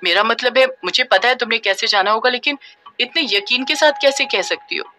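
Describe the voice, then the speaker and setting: A woman's voice: fairly high pitch, normal speed, sharp tone, faint music behind. A woman voicing a composed young man with powers of hypnosis, asking with concern in a supernatural audio story. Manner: concerned, questioning.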